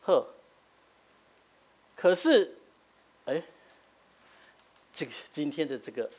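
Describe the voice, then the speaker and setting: Middle-aged Taiwanese-accented pastor, teaching sermon, slightly high and very animated delivery, habitual "hah" tags. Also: male voice, takes it slowly, slightly rough. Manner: explanatory, frequent filler "hah" tags, switching between Taiwanese and Mandarin.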